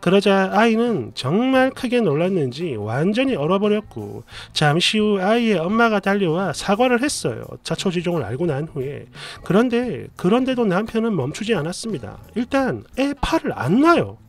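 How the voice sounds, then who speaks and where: A man narrating a reader's post as a story, in an expressive, exasperated retelling. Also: high voice, moderate pace, few pauses. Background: faint background music.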